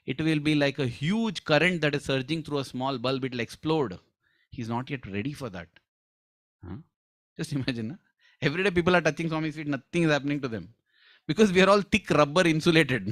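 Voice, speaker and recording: Male speaker, devotional storytelling, slightly high voice, dry close sound. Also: fairly bright tone, dry recording. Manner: acts out quoted lines, chuckles, asks listeners "huh?". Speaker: spiritual speaker.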